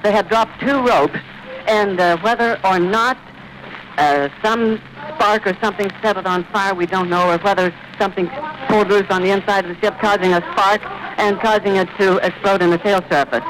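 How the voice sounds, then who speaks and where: A male radio reporter giving vivid, urgent live commentary outdoors at an airfield, pausing to catch his breath. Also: high-pitched, fairly even intonation. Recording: old 1930s archive radio recording with hiss.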